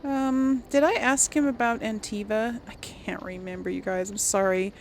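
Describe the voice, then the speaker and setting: In casual let's play commentary, a female gaming host and player reads dialogue choices aloud while chatting and musing. She speaks at a normal speed with a mid-range voice and fairly even intonation, over slight background noise.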